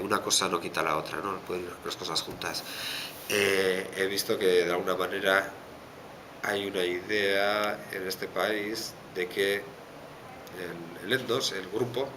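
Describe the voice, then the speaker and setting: Low-voiced Basque man, thoughtful. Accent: Basque Spanish. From Basque Country, Spain. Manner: thoughtful, hesitant, many fillers and restarts. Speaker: interviewee. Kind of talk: conversational interview answer. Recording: background noise.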